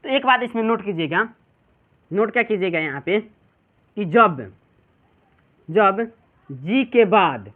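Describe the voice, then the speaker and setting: Speaking slowly with long pauses, a male teacher with a Bihari Hindi accent leads a classroom pronunciation lesson in a high, animated voice. Captured with tinny phone-like sound, he keeps asking questions of his students and answering them himself.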